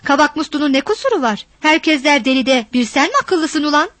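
A woman's voice: sits high, animated, fairly quick, no echo. A woman voicing a raging, cursing village father. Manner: shouting, cursing, threatening. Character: harsh, violent middle-aged village father.

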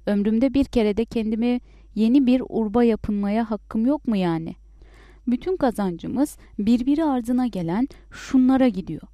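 A woman's voice: fairly high pitch, moderate pace, warm tone, dry recording, lightly acted. A woman voicing a stubborn, pleasure-loving young peasant husband in a storybook, talking insistently. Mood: whining. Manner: insistent, defiant.

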